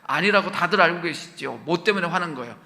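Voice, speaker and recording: A man's voice: a little high, animated, quick pace, pushed and bright. A male pastor preaching a sermon, asking his congregation questions and acting out quoted lines, sometimes dropping to a whisper. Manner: asks the congregation many questions, acts out quoted speech, drops to a whisper. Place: church sanctuary. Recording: church hall reverb.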